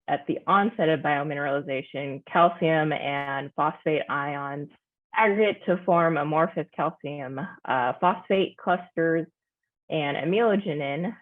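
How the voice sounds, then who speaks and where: A woman scientist giving a careful, measured technical presentation over a video call. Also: sits low. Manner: careful, measured, with frequent pauses. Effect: heard over a video call. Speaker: scientist presenting a conference talk. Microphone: computer mic on a video call. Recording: tinny video-call audio.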